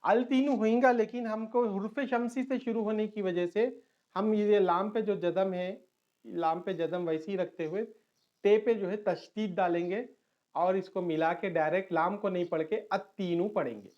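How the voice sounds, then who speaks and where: A man's voice: sits high, steady tone, darkish tone. Male teacher. Patient online lesson that repeats key terms and switches into English. Dull, lo-fi recording.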